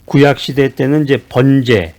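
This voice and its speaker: A man from Seoul delivers a sermon at an unhurried, deliberate pace. He circles back over his own phrases and bridges gaps with small hesitations. His pitch sits at a middling level. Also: a little mellow. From Seoul, South Korea. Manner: measured, repeats phrases, frequent "uh" fillers. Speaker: pastor.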